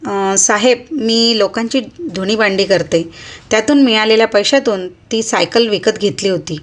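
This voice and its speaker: A woman's voice: mid-range voice, moderate pace, lightly acted. A woman voicing a poor, timid widowed mother who pleads with the police.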